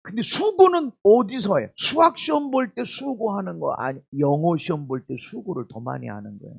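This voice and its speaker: Raspy high-voiced male pastor preaching. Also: normal speed, dull audio. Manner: animated preaching that swings from loud exclamations to quiet asides; asks the congregation direct questions. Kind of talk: sermon. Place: church service.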